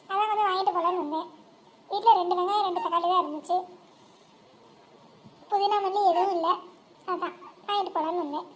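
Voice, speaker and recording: A woman voicing chatty, crafty village housewives in a cartoon, exclamatory and colloquial, with a rural Tamil Nadu accent. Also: extremely high pitch. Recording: faint background noise and ambience.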